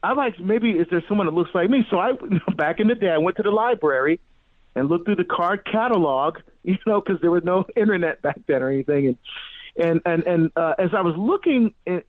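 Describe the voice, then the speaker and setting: A middle-aged man born in Barbados and raised in New Jersey, a guest on a radio interview, telling his story with animated restarts and many fillers. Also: high voice, brisk, dry recording. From born in Barbados, grew up in New Jersey. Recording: tinny phone-line sound, dry.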